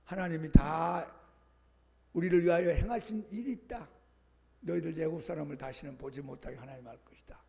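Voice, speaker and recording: A calm, commanding old prophet, played by a preaching man steadies a panicked crowd. His speech is hushed and gravelly, sliding toward a low, firm near-whisper. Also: normal speed, pauses often, long reverb tail. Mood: reassuring.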